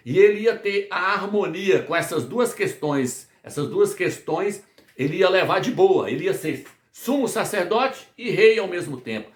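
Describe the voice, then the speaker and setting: A Brazilian man with a fairly high voice leads a Bible study in an echoey room, speaking at normal speed with lively intonation. He teaches emphatically and repetitively, firing questions and answering them himself over and over.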